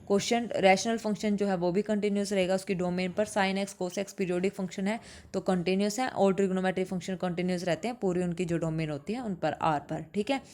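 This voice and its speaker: A woman giving an exam-prep math lecture. She explains step by step, asks questions and answers them herself, and reads English definitions slowly before restating them in Hindi. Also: medium pitch, a little mellow. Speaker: math teacher.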